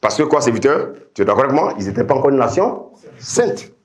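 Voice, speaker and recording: A middle-aged man preaching a sermon with passion, repeating phrases, dropping to low asides and climbing to high shouted refrains while calling out to his congregation. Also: big pitch swings, fast. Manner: addresses the congregation directly with call-and-response.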